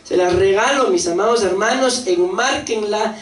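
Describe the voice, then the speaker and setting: A pastor with a Costa Rican accent preaching a lively sermon, asking the congregation questions and acting out voices. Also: medium pitch, normal speed. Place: church hall. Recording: echoey church hall, distant mic, faint noise.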